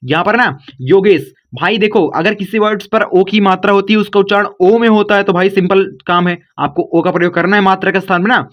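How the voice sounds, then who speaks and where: A man runs a casual online spelling lesson, talking to viewers like friends. His voice sits high. The recording is slightly muffled and lo-fi. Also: steady tone, fairly quick, hardly any pauses. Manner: chatty, repeats "bhai" and "guys" to viewers. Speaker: online English teacher.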